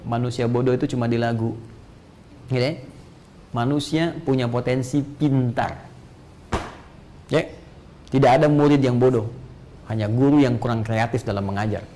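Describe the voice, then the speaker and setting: A man with an Indonesian accent giving a motivational religious lecture, animated and emphatic, with playful asides. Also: mid-range voice, a little hiss or hum. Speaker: preacher.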